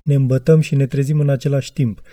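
A man reading a literary audiobook in a measured, reflective way. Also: mid-range voice, flat delivery, mellow, no echo. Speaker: audiobook reader.

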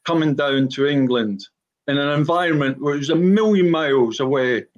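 An older Scottish man with a broad Glaswegian accent and a slightly high-set voice. He reminisces in a blunt, plain-spoken way as a guest on a panel. The sound is dull and lo-fi, like an internet call. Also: normal speed. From Glasgow, Scotland. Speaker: former professional footballer, podcast guest. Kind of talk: personal reminiscence on a panel talk.

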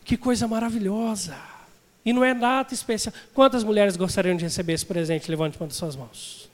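High-voiced pastor in a reverberant hall. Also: male voice, lively intonation, quick pace. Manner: chatty, asks the congregation questions. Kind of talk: sermon.

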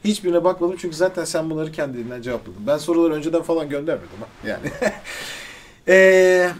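A man's voice: on the high side, lively intonation, quick pace. A man hosting an interview, reading out questions in a playful, joking way. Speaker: interviewer, host. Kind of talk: casual interview. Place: studio.

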